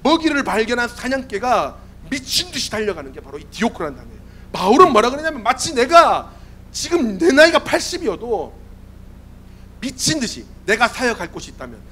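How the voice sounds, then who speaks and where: A man in his forties delivers a youth sermon in a hoarse, worn voice that sits high. His delivery is lively and questioning, and he keeps asking the listeners whether they agree. His pitch leaps and dips all over the place. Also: a little fast. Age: 40s. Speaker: youth pastor. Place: church sanctuary.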